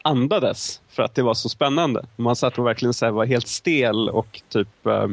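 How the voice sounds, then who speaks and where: Young man with a gravelly voice. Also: mid-range voice, no room sound. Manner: talks in long, winding, hesitant turns. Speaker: film podcast co-host. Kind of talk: casual film review chat.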